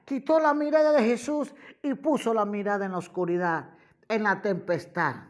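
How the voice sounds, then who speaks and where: A woman preaching a sermon, slow and emphatic, repeating key phrases and addressing her listeners as brother and friend listener. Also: medium pitch, darkish tone. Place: radio program.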